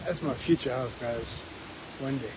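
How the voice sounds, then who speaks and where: A man's voice: medium pitch, normal speed. Man vlogging casually in noisy wind. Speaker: live streamer. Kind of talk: casual outdoor live vlog. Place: outdoors by the waterfront in wind. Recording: outdoor recording with wind noise on mic.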